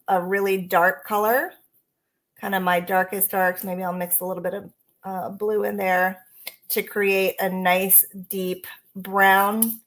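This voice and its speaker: Chatty woman teaching painting. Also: medium pitch. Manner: chatty, relaxed, many fillers. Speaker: painting instructor. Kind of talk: live painting demonstration. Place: indoor studio, facing away from the camera mic. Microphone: camera mic behind her.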